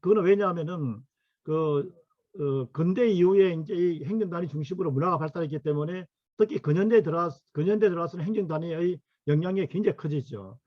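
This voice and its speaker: A middle-aged man giving a lecture on regional history and culture, pausing often with fillers and asking for the next slide. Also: on the high side, no echo, muffled recording. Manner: halting, full of fillers, asks for next slide. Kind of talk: academic lecture to workshop attendees.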